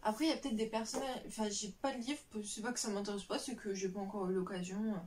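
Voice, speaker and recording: A woman's voice: medium pitch, steady tone, quick pace, darkish tone, far from the mic, a little hiss or hum. A young woman chatting casually about books on a vlog, rambling with lots of fillers and restarts. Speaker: book vlogger. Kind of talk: casual chat.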